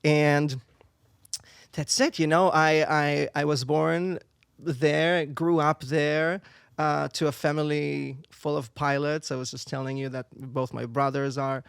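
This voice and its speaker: A young Israeli man with a gravelly, resonant voice that sits a little high, talking casually as a podcast guest. His English is that of a native Hebrew speaker, and he pauses with fillers while he hunts for words. The recording is dry and close. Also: flat delivery, dry recording. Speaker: guest, singer and performer. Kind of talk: casual interview chat.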